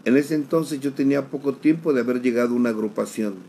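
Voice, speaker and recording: A middle-aged man, giving an emotional personal testimony at a recovery group, slowly, repeating phrases for emphasis. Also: medium pitch, mellow, a little hiss or hum, poor audio. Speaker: sharer at a recovery group meeting.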